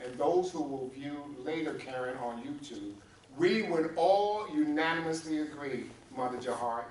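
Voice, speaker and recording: A man preaching a sermon as pastor, calling on congregants by name and drawing call-and-response from them in a church sanctuary. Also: on the high side. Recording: roomy echo, distant mic, faint hum.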